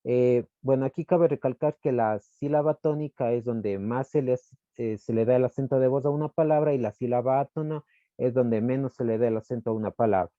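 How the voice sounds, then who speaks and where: A man giving a class presentation from slides, explaining step by step and often pausing to search for words. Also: medium pitch, mellow, no echo. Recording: dull lo-fi dry recording.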